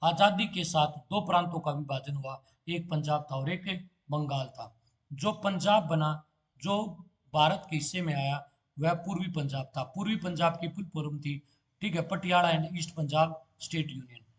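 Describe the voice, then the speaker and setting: A man's voice: fairly high pitch, moderate pace. A man giving an exam-prep lecture, asking quiz questions and answering them himself. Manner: asks a question and answers it himself, "ठीक है" filler. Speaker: competitive exam teacher.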